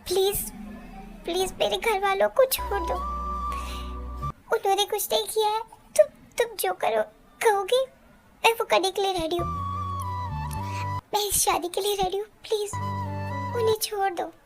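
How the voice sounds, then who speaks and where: A woman's voice: very high voice, steady tone, normal speed, hardly any pauses, music in the background. A woman voicing a desperate young woman in an amateur Hindi fan dub, pleading urgently.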